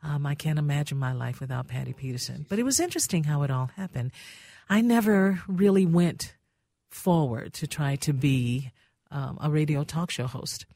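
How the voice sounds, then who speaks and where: Here an older woman, a radio talk show host, recalls with warmth and feeling how she got her first break on air, mimicking the voices of people in her tales. Her voice is deep and her speed normal. Captured on a studio microphone, there's no room sound.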